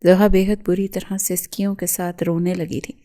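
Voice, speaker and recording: A woman's voice: on the low side, level tone, mellow. A woman narrating a romance novel aloud in a dramatic, emotive reading.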